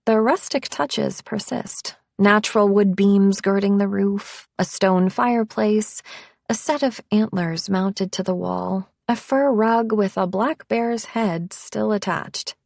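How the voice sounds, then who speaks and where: A woman narrating an audiobook in first person, reading at a measured, even pace. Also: medium pitch, vocal fry, no echo.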